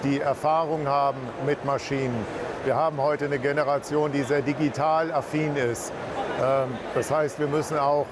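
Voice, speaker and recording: A man with a slightly raised pitch gives an interview statement, repeating phrases as he works out his point. Street and vehicle noise are clearly heard around him. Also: flat delivery, normal speed. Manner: repeats phrases while thinking. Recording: noisy outdoor recording.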